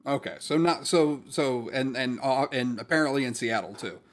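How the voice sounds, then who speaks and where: A man's voice: medium pitch, moderate pace. Podcast co-host, male, loose chatty recap, stumbles and restarts. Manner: rambling, many restarts and quoted lines. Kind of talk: casual chat recapping a sitcom episode.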